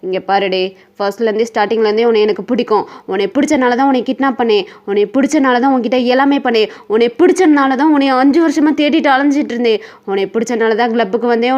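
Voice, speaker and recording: A man's voice: extremely high pitch, fast talker. A woman voicing a possessive young male kidnapper who keeps pleading with his wife, in an insistent, repetitive way. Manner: insistent, repeating lines over and over.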